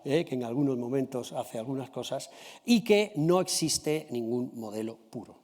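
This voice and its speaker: A Spanish-man delivers a formal conference talk in a mid-range voice. He courteously walks the audience through his findings, pausing to check they follow. The sound carries the long reverb of a large hall. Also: mid-range voice, darkish tone. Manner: addresses the audience politely, checking in with a quick "¿sí?" or "¿vale?". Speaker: conference speaker presenting a comparative study.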